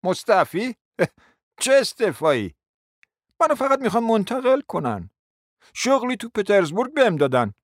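A man voicing a brusque, offended young suitor with a curt, rough delivery. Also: sits high, sing-song, dry recording, studio quality, voice pushed up.

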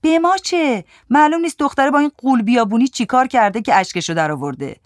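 A woman voicing a sharp-tongued, impatient woman who answers with brusque, mocking retorts in a storybook reading. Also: high-pitched, animated, no room sound, clean studio sound, pitched above the performer's own voice. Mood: dismissive.

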